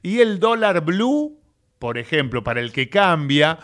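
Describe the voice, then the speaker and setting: A man with a Rioplatense Spanish accent, hosting a radio show in chatty, animated talk full of filler tags. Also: fairly high pitch, unhurried. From Argentina. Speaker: radio host. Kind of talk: casual radio chat. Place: radio studio.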